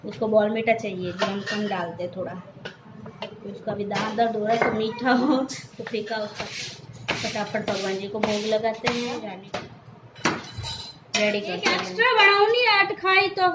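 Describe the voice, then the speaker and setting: A woman's voice: medium pitch, heavy background noise. A young woman, a mother narrating her family's morning routine in a casual, bustling vlog. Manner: bustling and hurried, talks to viewers while cooking. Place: home kitchen. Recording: echoey room with clattering dishes.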